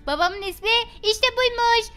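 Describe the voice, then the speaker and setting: A woman's voice: very high-pitched, moderate pace, a bit bright, soft background music. A woman voicing a mischievous little girl in a game role-play, giggly and teasing. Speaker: Minecraft roleplay YouTuber.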